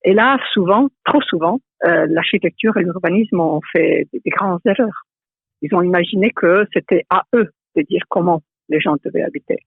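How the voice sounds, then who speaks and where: A middle-aged woman from Italy, a native Italian speaker with an Italian accent, answering interview questions as an architecture professor, thoughtful and hesitant with many pauses and restarts. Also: on the low side, gravelly, slightly rough, no echo. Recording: tinny phone-like line, dry.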